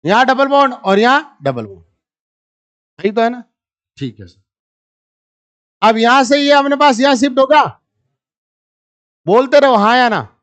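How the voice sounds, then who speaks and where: A man's voice: extremely high pitch, animated, normal speed, long pauses, a bit bright, highs cut off. A male chemistry teacher, giving a live classroom lecture, teasing his students and walking them step by step through structures while asking them for answers.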